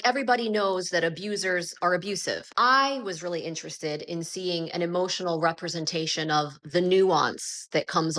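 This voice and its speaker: A woman's voice: lowish voice, a bit bright. A young adult woman giving a chatty, candid film critique, full of "like" fillers. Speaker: film reviewer. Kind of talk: casual spoken film critique.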